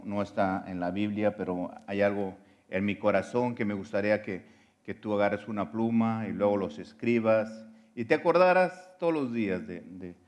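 A man preaching a sermon. He speaks earnestly and directly to his listeners, often restarting words, and grows more fervent and emphatic. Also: fairly low pitch.

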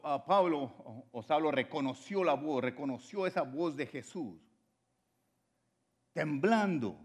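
A male preacher delivering a sermon in a somewhat high voice with a very lively, animated pitch. He swings between loud exhortation and sudden quiet drops.

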